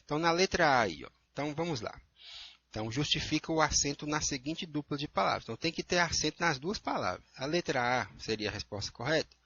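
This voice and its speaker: A man's voice: a little high, lively intonation, fast, sharp tone, breathy edge, no echo, lo-fi sound. A man with a Brazilian Portuguese accent, a teacher going through worksheet answers and checking in with his students often. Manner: explanatory, checks in with frequent "tá?" and "né?".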